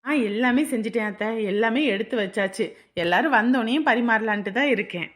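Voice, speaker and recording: A woman's voice: fairly high pitch, fairly quick, a bit bright, slight background noise, natural voice. A woman playing a dutiful, polite daughter-in-law in a family drama. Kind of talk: dubbed family serial drama.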